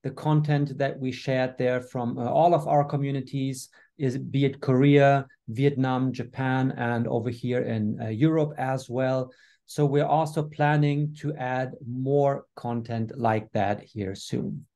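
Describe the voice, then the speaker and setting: A man's voice: medium pitch, fairly even intonation, measured pace, mellow. A man hosting a business webinar over a video call, upbeat, with frequent fillers. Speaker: webinar host.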